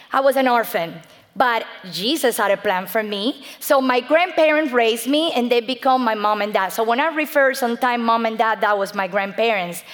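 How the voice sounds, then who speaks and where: A middle-aged woman from Cuba with a Cuban Spanish accent, a native Spanish speaker giving an earnest church testimony, reading scripture and calling for amens. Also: fairly high pitch. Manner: earnest, preaching, reads scripture aloud, calls out amen to the audience. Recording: long reverb in a large hall.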